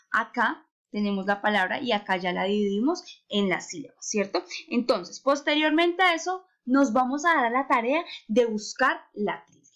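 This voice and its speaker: Teacher, female, higher voice; patient classroom delivery for kids, drawn-out words, frequent questions. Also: a bit bright, lo-fi sound. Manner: patient, asks frequent rhetorical questions, stretches words to stress syllables. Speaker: primary school teacher. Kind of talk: recorded remote lesson for children.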